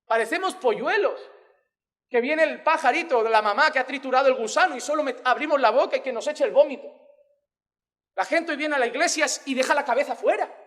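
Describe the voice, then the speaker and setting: A man's voice: extremely high pitch, fairly quick, fairly bright tone. A man preaching an emphatic, impassioned sermon. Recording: long hall reverb.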